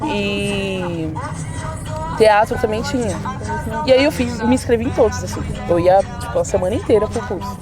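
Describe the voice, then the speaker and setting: A woman's voice: medium pitch, moderate pace, over a noisy crowd. Young woman, São Paulo accent, hesitant slangy chat, music bed. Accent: Brazilian Portuguese, São Paulo. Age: young adult. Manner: slangy, hesitant, many fillers. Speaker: interviewee. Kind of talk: casual chat.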